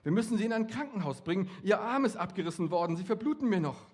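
A man's voice: high-pitched, lively intonation, quick pace, pitched above the performer's own voice. A man playing a stern, level-headed police officer who speaks firmly, in a story read aloud. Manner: firm, insistent.

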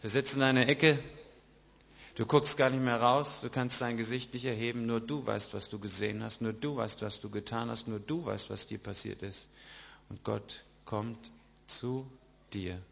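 A man preaching a lively sermon, acting out voices and swinging from hushed to loud. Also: mid-range voice, moderate pace, gravelly. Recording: dull lo-fi sound.

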